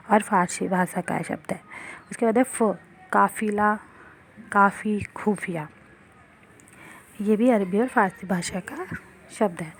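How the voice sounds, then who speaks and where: A woman teacher giving a grammar lesson to schoolchildren, explaining slowly and answering her own questions. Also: medium pitch, a little hiss or hum.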